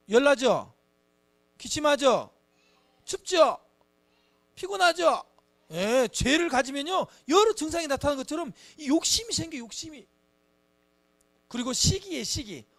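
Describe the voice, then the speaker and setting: A man's voice: very high voice, gravelly. A man teaching a Bible lesson to children, acting out taunts and asking them questions. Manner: animated, acts out children's taunts; asks the children frequent questions. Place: church.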